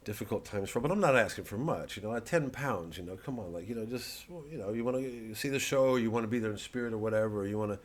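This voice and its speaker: A male comedian promoting his show rambles off the cuff straight to the camera in a lowish, animated voice. He's halting and digressive, sprinkling in "you know" and "man," sardonic and mocking, and turns profane when worked up.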